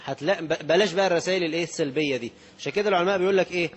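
A man's voice: fairly high pitch, very fast, slightly rough. A man preaching a colloquial religious lesson with an Egyptian accent, asking rhetorical questions and acting out the people he quotes. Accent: Egyptian Arabic.

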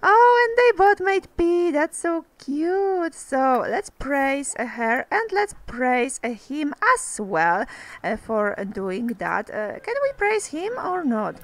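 Talking slowly, this high-voiced, lively let's play host chats through casual gameplay commentary and speaks to her characters, her phrasing non-native. Her voice is a bit off because she's getting sick.

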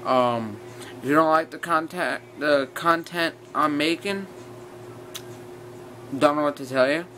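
A man's voice: on the high side, measured pace, long pauses. A young man vlogging casually in a rambling, blunt way, his speech slightly slurred by wearing a retainer. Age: teens to young adult. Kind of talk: casual rant to viewers. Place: small bedroom, sitting on bed. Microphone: built-in device mic at arm's length. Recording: clear steady fan noise, bedroom ambience.

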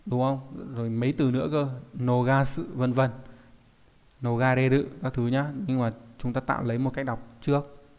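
A man's voice: mid-range voice, flat delivery, moderate pace, a little mellow, clean tone. Reverberant male kanji teacher. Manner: explanatory, keeps asking rhetorical check questions. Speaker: Japanese teacher. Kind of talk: recorded online kanji lesson.

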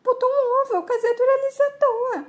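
A woman's voice: very high-pitched, brisk, voice pushed up. A woman voicing a tearful rural woman with rustic country speech, in a soap recap. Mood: whiny.

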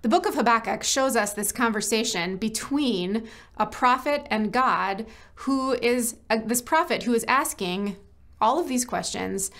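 A woman from church ministry staff giving a short devotional message, telling a personal story gently and reflecting on scripture. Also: on the high side, unhurried.

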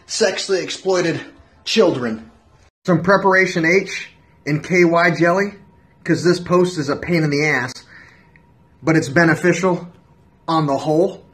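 A man in his thirties giving an absurd comedy monologue, moving from flat deadpan remarks to frantic screaming. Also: a little high, a little hiss or hum. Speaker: comedic vlogger.

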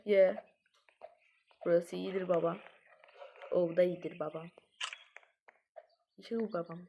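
A woman giving let's-play commentary, jumpy, swinging from muttering to panicked yelling, with playful sing-song chanting. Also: mid-range voice, slight background noise, low-quality recording. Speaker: gamer.

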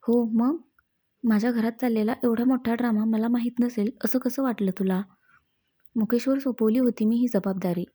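A woman voicing a composed young husband in a storybook. He speaks steadily and reassuringly, with a mellow, fairly high voice and a soft, rounded tone. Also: fairly even intonation, normal speed, slightly rough. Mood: calm, reassuring. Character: calm, self-assured young husband.

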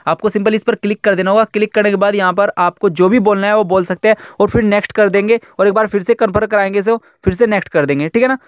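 A young man hosting a casual tech tutorial, chatty and quick as he walks through an app step by step. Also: high voice, fairly even intonation, dry recording, dull audio. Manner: quick chatty explaining with fillers. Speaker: YouTube tech tutorial host.

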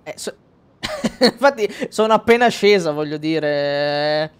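A man's voice: a little high, animated, slow, smooth. A man streaming a video game, casually commenting, rambling and swearing with jokes as he plays. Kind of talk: casual let's-play commentary.

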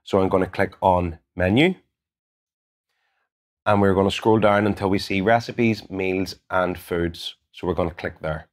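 A man in his thirties with a Northern Irish accent, calmly walking through an app tutorial step by step, recorded on a lapel mic in a gym studio. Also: fairly low pitch. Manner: calm, methodical, instructive. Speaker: gym coach. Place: gym studio in front of a branded backdrop.

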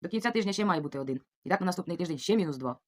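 This vlogger's voice is low and expressive, and she talks at a racing speed. A middle-aged woman from Ukraine, she reads viewer comments aloud in a casual, warm, chatty way, thanking each one repeatedly.

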